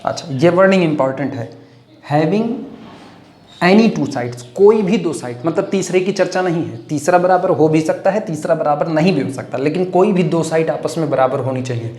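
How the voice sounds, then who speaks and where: A man gives a classroom math lecture in a somewhat high voice, dictating formulas slowly word by word for students to copy. He breaks up the dictation with homely, everyday comparisons. The sound is echoey, as if recorded in a bare room. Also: a little mellow. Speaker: math teacher.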